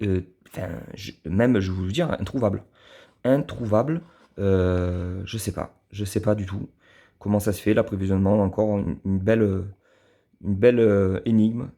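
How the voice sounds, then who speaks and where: A man's voice: fairly low pitch, moderate pace, mellow. A man from southern France with a southern French accent, casually reviewing his die-cast model cars, hesitant with many fillers and restarts, fond and admiring.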